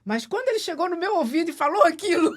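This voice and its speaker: A middle-aged woman with a Brazilian accent, a podcast guest who tells stories about her family in an animated way. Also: very high-pitched, fast. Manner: animated storyteller, laughs often. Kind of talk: casual podcast conversation.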